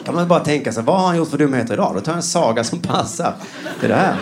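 A man's voice: on the high side, expressive, background noise. A man performing a rambling, sarcastic stand-up routine, mocking other voices as he goes. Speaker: stand-up comedian.

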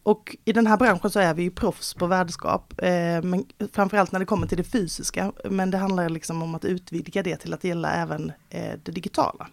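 A woman's voice: lowish voice, steady tone, gravelly, hardly any pauses, no room sound. A woman who works in tourism, giving engaged interview answers with frequent fillers. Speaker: tourism organization guest.

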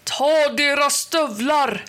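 A woman reading a storybook aloud, voicing a loud, taunting villainous male Christmas gnome chief. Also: on the high side, natural voice. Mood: bellowing.

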